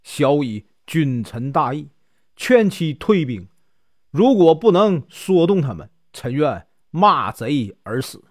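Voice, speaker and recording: A stern old court minister speaks in solemn, declaiming lines, as a male storyteller puts him on. His voice swings with lively pitch, and the sound is close and dry. He is loyal and unbending. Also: slow pace, no room sound, exaggerated voice.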